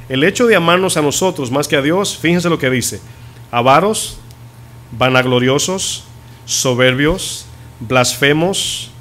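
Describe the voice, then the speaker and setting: A man who is a pastor preaching a sermon in a church, asking the congregation questions and drawing out key words slowly for emphasis. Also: on the high side, a bit bright. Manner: teaching, asks the congregation questions.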